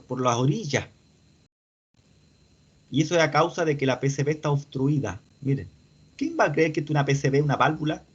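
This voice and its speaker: A man's voice: mid-range voice, husky. A man teaching an online mechanics lesson, explaining step by step and asking his students questions as he goes. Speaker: instructor. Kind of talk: online class lecture. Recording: dull lo-fi audio.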